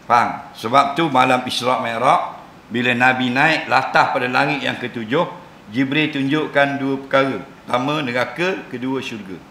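A man's voice: medium pitch, pushed and bright, a little hiss or hum. A man giving a jokey mosque lecture, often asking the audience if they understand. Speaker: religious lecturer. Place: mosque hall. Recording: roomy mosque hall sound.

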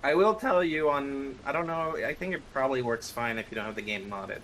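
A man's voice: mid-range voice, a little fast, a bit bright, slight background noise, rough recording. A man chatting casually as a co-op gaming partner during gameplay.

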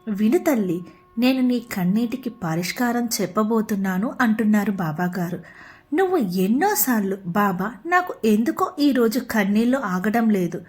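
A woman narrating a devotional message in a slow, tender, consoling way. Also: mid-range voice, lively intonation, darkish tone.

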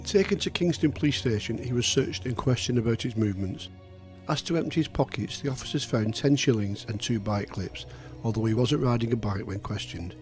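Man narrating in a sober, measured voice. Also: medium pitch, darkish tone. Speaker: true crime narrator. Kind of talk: scripted narration. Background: faint music.

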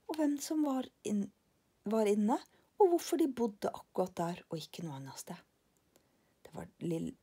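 An older woman reading a children's book aloud to her grandchildren, expressive and sometimes dropping to a hush. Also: medium pitch, breathy edge. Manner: expressive, warm storytelling, hushing for quiet scenes.

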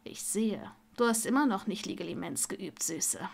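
A woman voicing an arrogant young wizard man in an audiobook, with a hushed, drawling manner. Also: medium pitch, animated, normal speed, creaky, pitched below the performer's own voice. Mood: smug. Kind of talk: audiobook character voice.

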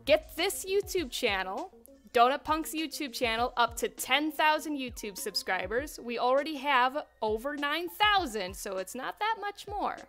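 A woman's voice: high voice, big pitch swings, a little slow, few pauses, a bit bright. A young woman hosting a casual livestream, chatting upbeat and laughing often while she reads the chat and eats spicy wings. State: mouth burning from spicy wings. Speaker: livestream host for a game studio.

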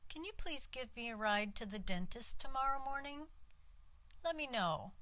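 High-voiced mother leaving a voicemail. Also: expressive, moderate pace, sharp tone, no room sound. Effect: voicemail message played back. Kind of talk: casual phone message.

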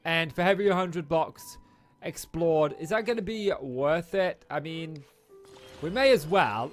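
A man giving chatty, excitable gameplay commentary and taunting the enemies on screen. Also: on the high side. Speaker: let's play host.

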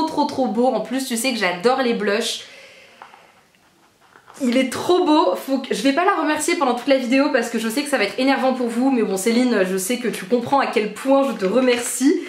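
A young woman from France, a beauty vlogger, gushing excitedly in a casual unboxing vlog, repeating words for emphasis. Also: high-pitched, normal speed. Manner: bubbly and gushing, repeats trop trop. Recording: echoey room.

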